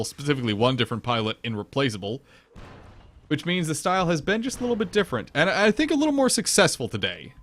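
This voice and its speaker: A faint hiss or hum sits under this fairly high-pitched man's commentary on a competitive online game. As an esports commentator, he explains strategy analytically, calls the action, and erupts with excitement at the big moments.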